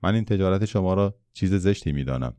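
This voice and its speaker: A curious, troubled little boy from a storybook, earnest and full of questions, as a man puts him on in a reading. The voice stays deep and mellow, with a smooth, resonant tone. It sounds dry and close. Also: animated, no echo. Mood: indignant.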